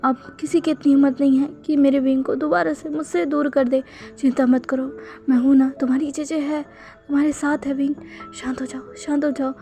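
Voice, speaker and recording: A woman voicing a protective elder sister who comforts her brother in a soft, soothing way. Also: sits high, little pitch movement, brisk, soft background music.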